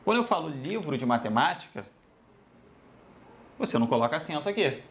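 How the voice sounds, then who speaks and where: A man with a slightly high voice teaches a grammar lesson at a fairly quick pace, keeping things lively and casual. He calls his students "galera" and repeats every rule.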